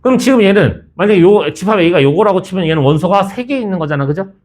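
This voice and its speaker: Male math teacher, lively and teasing, fairly high voice, classroom lecture. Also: fast. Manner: chatty, teasing, switches between formal and casual speech.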